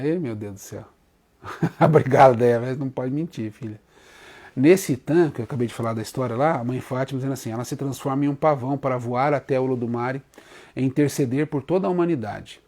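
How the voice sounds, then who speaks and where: A man with a Brazilian Portuguese accent teaching about Umbanda deities on a live stream, devotional and tender, addressing viewers warmly as his children. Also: mid-range voice. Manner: devotional, sings chant verses in a rising voice; speaks softly and tenderly to viewers, calling them daughter. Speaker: Umbanda spiritual leader hosting a live stream. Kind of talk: religious teaching with sung chants.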